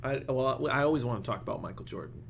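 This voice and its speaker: A man's voice: mid-range voice, fast talker, gravelly, slight background noise. A man co-hosting a podcast in casual chat, joking and laughing often. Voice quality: laughs often, jokey and animated. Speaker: podcast co-host.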